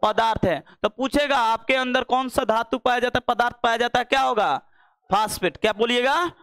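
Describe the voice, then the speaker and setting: A man's voice: very high voice, brisk, a bit bright, smooth, no echo, studio quality. A young man teaching a biology lesson, asking questions and repeating the answers again and again. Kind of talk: classroom-style biology lesson.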